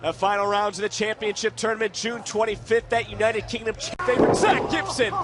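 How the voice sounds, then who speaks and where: A man calling a wrestling match as play-by-play commentator, with excitable, exclamatory calls of the action. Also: high voice, a little fast. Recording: noisy live outdoor event. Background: loud event noise.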